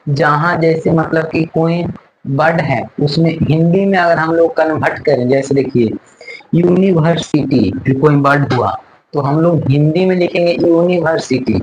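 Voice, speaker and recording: A man's voice: fairly high pitch, dull audio, slight background noise. A man teaching an English grammar lesson, repeating words and letters and asking the class questions. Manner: slow, repeats words and letters aloud, asks questions to students.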